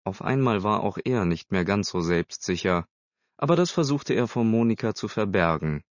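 A man reading a story aloud as narrator, steady and measured. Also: lowish voice, dry recording. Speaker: audiobook narrator. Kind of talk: scripted narration. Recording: slightly dull dry recording.

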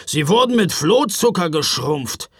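A man voicing Knecht Ruprecht, a gruff, impatient old Christmas helper with a gravelly, curt growl, in a storybook reading. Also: sits high, very animated, unhurried, a bit bright, dry recording, clean studio sound, voice pushed up, heavily acted. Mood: weary explaining. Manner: curt, irritated, snapping.

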